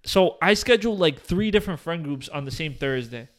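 A young man hosting a podcast, telling a long story in animated bursts, swearing and restarting his sentences, full of fillers. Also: on the high side, a little fast. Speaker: podcast host. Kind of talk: casual chat.

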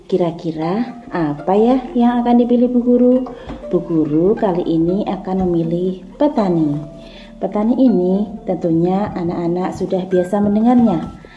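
A woman's voice: medium pitch, normal speed, reverberant, muffled recording. A kindergarten teacher, a woman, teaching young children over radio in a sing-song way, asking them questions.

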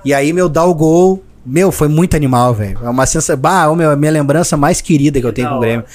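A man with a southern Brazilian accent from Rio Grande do Sul, a sports narrator telling stories in an animated, slangy, emotional way during a casual podcast chat. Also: a little high, quick pace. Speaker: sports radio narrator, guest.

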